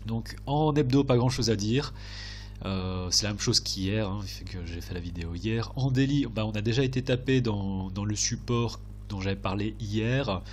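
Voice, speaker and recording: A man's voice: lowish voice, moderate pace, a little hiss or hum. A man with a blocked nose and sore throat, sounding nasal, giving casual, hesitant chart commentary as a video host. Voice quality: nasal, stuffy.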